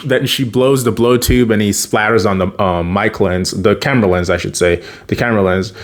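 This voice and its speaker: A man's voice: lowish voice, normal speed. A man casually recapping a TV episode, rambling with many fillers and self-corrections. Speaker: video creator.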